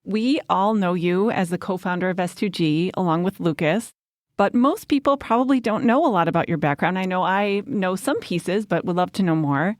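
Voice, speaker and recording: A woman's voice: fairly low pitch, moderate pace, no room sound. A woman hosting a podcast interview in a recording studio, asking questions in a friendly, curious way. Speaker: podcast host.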